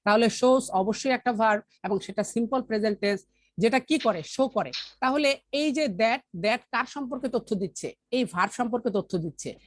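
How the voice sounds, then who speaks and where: A woman teaching an English grammar lesson with a Bangladeshi accent, asking questions and answering them herself, reading the English examples slowly. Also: a little high, dry recording.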